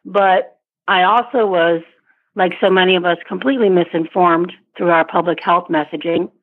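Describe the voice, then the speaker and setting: A woman's voice: on the low side, fairly even intonation, normal speed, breathy edge. A middle-aged woman, born in Vietnam and raised in Asia and Africa, answering interview questions thoughtfully, with restarts and small laughs. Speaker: interview guest. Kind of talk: casual interview over a phone line. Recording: tinny phone line.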